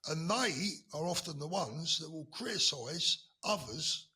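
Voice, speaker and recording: A man's voice: fairly high pitch, lively intonation, a little slow, bright, forceful tone, husky. A man from the UK, a guest on a video-call interview, making his points firmly and repeating them for emphasis. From United Kingdom. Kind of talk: casual interview chat.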